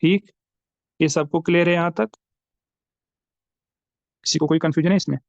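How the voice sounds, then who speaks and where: A man teaches recitation rules, spelling out words slowly letter by letter. His voice is slightly high and smooth. The sound is dry and a little dull, as if from a modest mic. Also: fairly even intonation, darkish tone, dry recording. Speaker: tajweed teacher. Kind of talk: online lesson.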